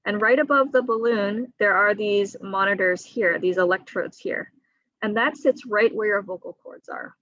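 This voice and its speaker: A woman surgeon on a video call, explaining surgery risks to patients in a clear, teaching manner with a few fillers. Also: medium pitch, normal speed, fairly bright tone, no echo, muffled recording. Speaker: thyroid surgeon. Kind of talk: patient education talk. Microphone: computer mic on a video call.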